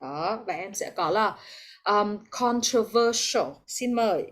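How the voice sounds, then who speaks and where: A woman's voice: medium pitch, expressive, a little slow, a bit bright. A woman English teacher with a Vietnamese accent, teaching an online class over a video call, explaining patiently and encouraging her students.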